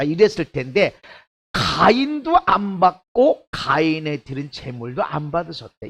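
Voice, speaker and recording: A middle-aged male pastor preaching a sermon, dropping to quiet asides and then rising to shouted, emphatic passages. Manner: swings from hushed asides to shouted, high-pitched preaching.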